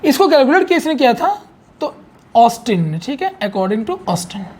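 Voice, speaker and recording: A man's voice: very high voice, very animated, moderate pace, slight background noise. A man teaching a chemistry lesson in a conversational, repetitive way, often checking in with his students. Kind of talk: explanatory online chemistry lesson.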